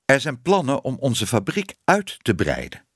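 A man's voice: medium pitch, wildly swooping pitch, a little slow, fairly bright tone, no room sound, studio quality, voice pushed up, exaggerated voice. A man voicing a talkative male factory cat who is eager to pass on gossip and news. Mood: chatty. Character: chatty male factory cat smelling of violets.

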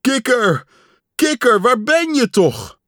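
A man's voice: lowish voice, wildly swooping pitch, takes it slowly, dry recording, clean studio sound, exaggerated voice. A man reading aloud and voicing an eager, boyish storybook figure who calls out and pleads. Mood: pleading. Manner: calling out, pleading. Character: boyish male storybook friend, eager and showing off.

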